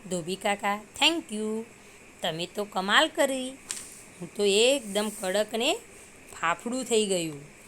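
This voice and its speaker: A woman's voice: mid-range voice, animated, takes it slowly, a bit bright, a little hiss or hum. Woman voicing a little childlike pocket. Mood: delighted. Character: small crying cloth pocket, childlike and eager. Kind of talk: storybook voice for children.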